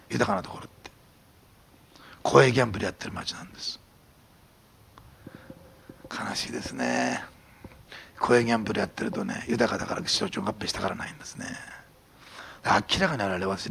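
Gravelly, husky-voiced man preaching. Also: lowish voice. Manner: animated storytelling, drops to a whisper at times. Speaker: pastor. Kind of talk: sermon.

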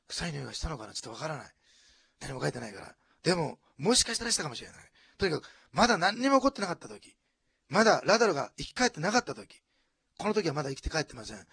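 A male pastor from preaching a sermon, dropping to hushed asides and then rising to loud, animated exclamations. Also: a little high, creaky, breathy edge, dry recording. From Japan, Osaka.

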